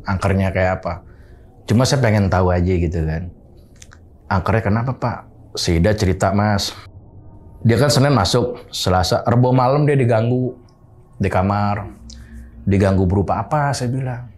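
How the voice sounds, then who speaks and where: A man, casually recounting a horror story from his boarding house and acting out what people said. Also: on the low side. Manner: animated retelling, acting out quoted dialogue.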